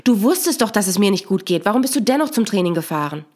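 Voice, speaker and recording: A woman's voice: on the low side, lively intonation, a little fast, darkish tone. A woman reading the lines of a hurt, needy young woman who pleads and accuses, in a scripted story. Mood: accusing. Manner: pleading, resentful.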